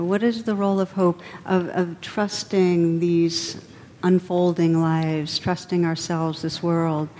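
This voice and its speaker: A woman meditation teacher giving a dharma talk in a reflective, gently meandering way. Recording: reverberant hall with faint rumble.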